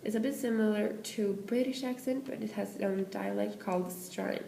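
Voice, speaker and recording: Gravelly teen girl reading in an echoey room. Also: medium pitch, normal speed, mellow. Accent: Swedish. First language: Swedish. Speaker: student presenter. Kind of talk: school presentation read aloud. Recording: echoey room with faint hiss.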